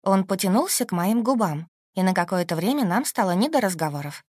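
A woman reading a first-person audiobook in a lively, intimate, wry way. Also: medium pitch, a little fast, husky, no room sound, studio quality. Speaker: audiobook narrator.

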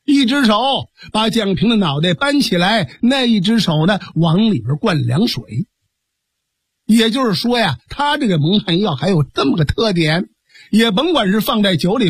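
A man narrating a traditional tale in a lively, dramatic storyteller's manner on a close studio mic. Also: high-pitched, slightly rough, no room sound.

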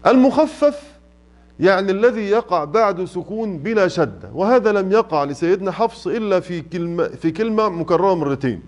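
This man speaks in a high, lively voice at a brisk clip. He's a Quran recitation teacher with an Egyptian Arabic accent, leading a tajweed lesson in a mosque classroom where he stretches out examples and tests his students.

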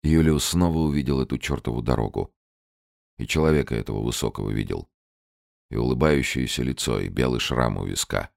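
A man narrating a dramatic audiobook in a grave, measured way. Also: rumbling low, vocal fry, dry recording, studio quality.

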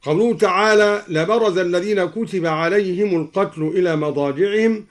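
A man teaching Quran reading variants on the radio, explaining each point and then chanting the verse slowly as an example. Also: sits high. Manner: measured, slow chanting of quoted verses. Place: radio studio.

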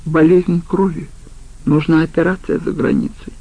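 A woman voicing a spiteful, scheming woman in an audiobook, talking in a sharp, mocking way. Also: low voice, fairly even intonation, normal speed, slightly rough, poor audio. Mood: bitter. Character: spiteful scheming woman, the criminal's former partner.

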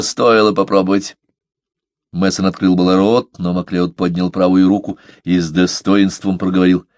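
A man's voice: on the low side, dry recording, clean studio sound. A man voicing a sardonic, scheming sailor who talks in a nasal, sneering, lecturing way.

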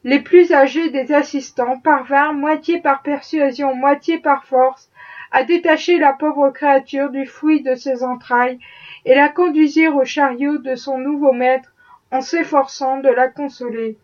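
A woman narrating a classic novel as an audiobook in a steady, measured reading. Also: high voice, dull audio. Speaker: audiobook reader.

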